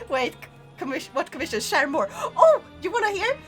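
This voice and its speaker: A woman livestreamer chatting casually while gaming, giggly and excitable, swearing freely. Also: extremely high pitch, fairly quick, soft background music. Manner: frequent swearing.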